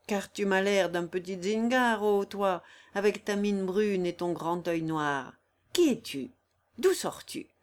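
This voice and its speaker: A woman's voice: medium pitch, a little slow, lightly acted. A woman voicing a fierce, robust singer in agonizing labor, cursing, defiant and cynical. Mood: anguished. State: in agonizing pain.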